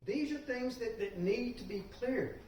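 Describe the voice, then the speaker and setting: A middle-aged man, teaching a church class in a lively, joking way and prodding the class with questions. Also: extremely high pitch, measured pace. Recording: echoey room, distant mic, faint hiss.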